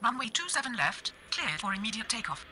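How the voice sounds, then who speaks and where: A woman voicing a female airline pilot who reads back tower clearances in steady radio procedure. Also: a little high, a little fast, noisy background. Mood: procedural. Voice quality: even radio-procedure delivery.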